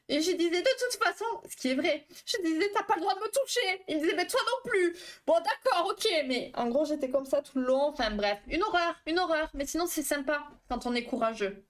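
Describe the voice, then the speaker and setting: A therapist hosts a live stream, talking informally with her audience and voicing their chat messages. Her speech is quick and stumbling, and her voice is a little high.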